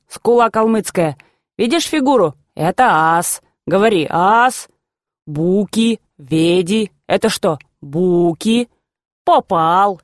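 A woman voicing a gruff, excitable old grandfather in a storybook reading. He shouts, teases and banters in rough folk speech. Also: mid-range voice, no room sound, clean studio sound.

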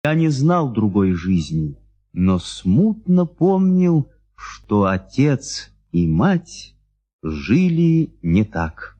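A man's voice: mid-range voice, big pitch swings, very slow, warm tone, exaggerated voice. A man narrating a literary memoir, reflectively recalling his childhood. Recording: music behind voice.

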